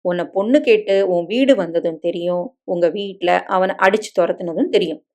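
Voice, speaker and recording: A woman voicing a devoted young husband in a dramatic story reading, soft and coaxing in manner. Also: fairly low pitch, normal speed, natural voice.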